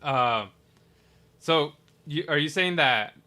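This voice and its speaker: Male podcast host, bright voice, lively storyteller who acts out what people said and swears casually. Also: fairly high pitch, slow pace. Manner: animated storyteller, laughs through retold quotes, swears. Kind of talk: casual chat.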